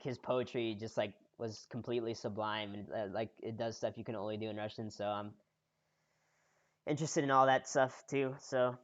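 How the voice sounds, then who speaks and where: Male podcast co-host, mid-pitched, laid-back filler-heavy chat, slightly lo-fi recording. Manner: relaxed, heavy use of "like" and "uh". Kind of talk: casual chat.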